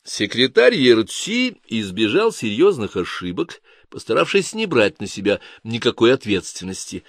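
A man narrating an audiobook in a measured, expressive reading. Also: medium pitch, no echo, clean studio sound.

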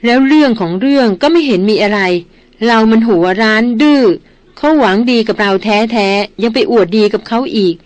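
A woman's voice: fairly high pitch, normal speed, no echo, lightly acted. Frank young man lecturing evenly, read by a woman narrator, dry close audiobook sound. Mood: reproving. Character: frank young man, brother's friend, chiding.

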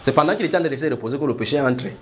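A man's voice: medium pitch, animated, racing, fairly bright tone. A man preaching, teaching the Bible by asking his listeners questions, repeating words and pressing his points with energy. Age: adult.

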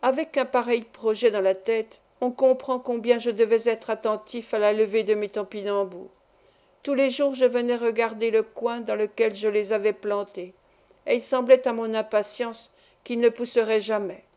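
Female audiobook narrator, slightly high, mellow, measured. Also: fairly even intonation.

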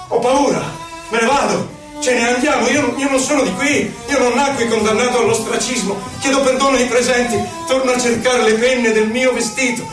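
For a radio theatre piece, an actor recites dramatic poetry as an impassioned, solemn poet recalling his life in declamatory verse with measured phrasing. His very high-pitched, fairly bright voice sounds anguished. Violin music plays, and the distant mic catches a roomy echo.

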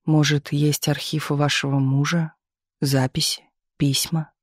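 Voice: mid-range voice, level tone, measured pace, dry recording, natural voice. A shy, awkward young playwright, hesitant and eager, read by an audiobook narrator close to his own voice. He speaks timidly. The recording is close and dry.

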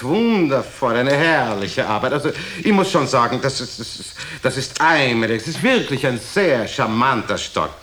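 A man's voice: medium pitch, fairly bright tone, a little hiss or hum. A man voicing a naive, dim-witted aristocratic count, drawling genteelly and stumbling over restarts. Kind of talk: comedy record joke telling.

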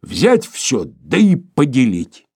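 A man's voice: medium pitch, wildly swooping pitch, slow pace, a little mellow, husky, no room sound, clean studio sound, pitched above the performer's own voice, exaggerated voice. A man voicing a crude, uneducated young man who talks in a coarse, blunt way. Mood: brash, grumbling. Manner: coarse, blunt, folksy speech.

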